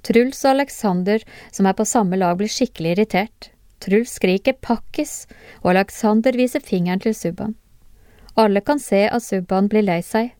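A woman giving a calm, measured scripted narration of classroom cases for a lesson, pausing to put questions to the listener. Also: mid-range voice, clean tone, no echo, studio quality.

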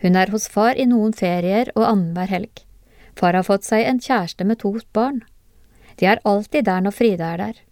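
A woman giving a calm, measured scripted narration of classroom cases for a lesson, pausing to put questions to the listener. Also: mid-range voice, dry recording, studio quality.

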